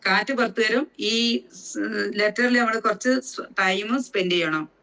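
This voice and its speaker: A woman teaches recitation in a slow, unhurried way with a bright, forward voice. She lingers on each letter sound so the listener can copy it, and explains the rules patiently and deliberately. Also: fairly high pitch, rough recording.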